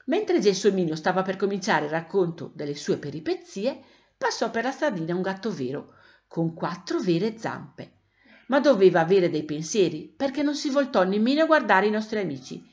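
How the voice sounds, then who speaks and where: Animated woman reading a storybook. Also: medium pitch, moderate pace. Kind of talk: storybook read-aloud narration. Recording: dull lo-fi recording.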